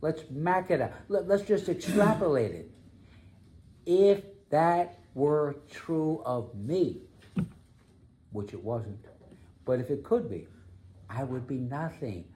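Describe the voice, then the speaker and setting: A man preaching a sermon as pastor, emphatic, slowing down to stress key phrases. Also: a little high, expressive, mellow.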